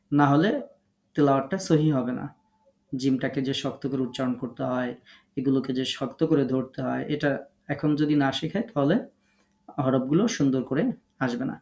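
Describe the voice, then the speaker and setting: A man's voice: medium pitch, darkish tone, roomy sound. A man teaching an online class on how letters are pronounced, explaining patiently and step by step. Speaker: Quran recitation teacher.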